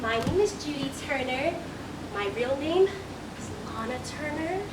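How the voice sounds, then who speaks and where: A woman's voice: sits high, expressive, a little slow, noisy background. Woman playing a giggly scatterbrained dancer. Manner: giggly, flustered. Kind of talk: stage musical acting. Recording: echoey stage, distant mic, music behind.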